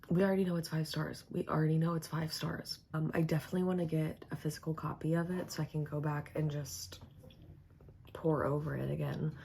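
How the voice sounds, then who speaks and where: A young woman vlogging casually about her day, with a husky voice, relaxed and slangy, sometimes dropping to a whisper. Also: low voice. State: husky from headaches. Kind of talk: casual vlog chat.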